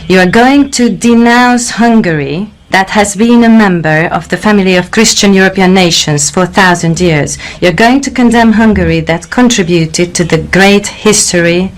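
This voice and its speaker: A woman giving a live interpretation of a speech, in a measured, formal delivery. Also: fairly low pitch.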